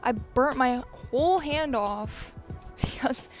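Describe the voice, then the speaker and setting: A young woman talks fast and blunt into a phone in a windy backyard, swearing and getting excited. Her voice sits a little high, with faint music underneath. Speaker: vlogger. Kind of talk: casual chat to camera. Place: sunny, windy backyard outdoors. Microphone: phone held by hand.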